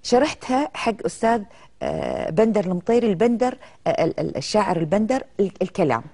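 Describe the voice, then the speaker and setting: A woman's voice: medium pitch, fast talker, gravelly. A middle-aged woman, an actress guest telling stories in a casual TV interview. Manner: lively, animated storytelling with quoted dialogue.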